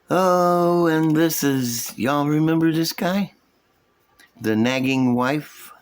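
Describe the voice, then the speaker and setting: A man with a slow, folksy drawl, casually showing and explaining his hobby projects to viewers. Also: mid-range voice. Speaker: hobby model-building vlogger. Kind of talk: casual show-and-tell commentary.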